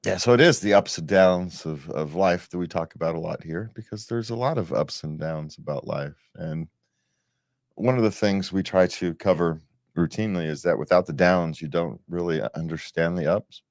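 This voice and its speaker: A man's voice: low-pitched, moderate pace, no room sound, studio quality. A man hosting a relationship podcast in a casual, rambling, self-deprecating way, chuckling as he talks. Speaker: podcast host.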